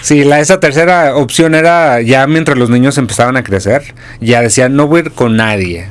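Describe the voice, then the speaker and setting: A man in his forties from Durango with a northern Mexican accent, a pastor and church planter calmly telling his story as a guest. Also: medium pitch, moderate pace, clear, resonant tone. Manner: calm, steady storytelling with small restarts.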